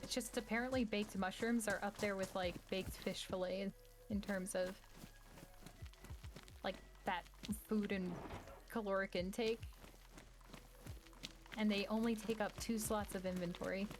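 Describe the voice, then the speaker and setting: A woman's voice: mid-range voice, steady tone, unhurried, pauses often, background noise. A woman streaming a survival game with friends, chatting casually and explaining things with lots of filler words. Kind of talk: casual gaming chat.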